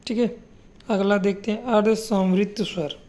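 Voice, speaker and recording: A woman teaching a grammar lesson, asking her students questions and answering them herself, and repeating sounds slowly for them to copy. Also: medium pitch, steady tone, mellow.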